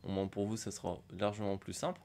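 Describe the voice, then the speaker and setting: Speaking fast in a lowish, slightly mellow voice with vocal fry and a flat delivery, a man with a cold gives casual commentary while opening football game packs. This gaming YouTuber sounds hoarse and rambles, hesitating a lot.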